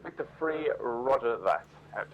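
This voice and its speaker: A man's voice: medium pitch, lively intonation, measured pace, narrow, tinny audio, slight background noise. Man on a staticky in-game radio. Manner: clipped, formal call-and-response. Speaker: convoy radio operator. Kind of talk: military radio procedure.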